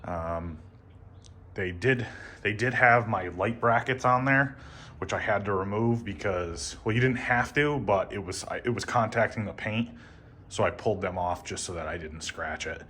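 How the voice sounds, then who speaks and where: Low-voiced man rambling in garage. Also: normal speed, a little hiss or hum. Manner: relaxed, rambling, many ums and uhs. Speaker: motorcycle vlogger. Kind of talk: casual how-to narration.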